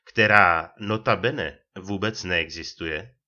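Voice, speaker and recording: A man's voice: deep voice, bright, forceful tone, dull audio. A man voicing an indignant, exasperated police first lieutenant who scolds in rising tones.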